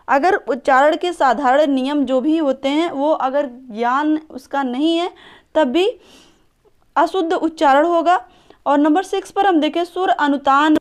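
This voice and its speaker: A woman teacher giving an online exam-prep lecture. She explains step by step and keeps asking her students whether it is clear, mixing in English words. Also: high voice. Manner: explanatory, repeatedly checks understanding with "clear?".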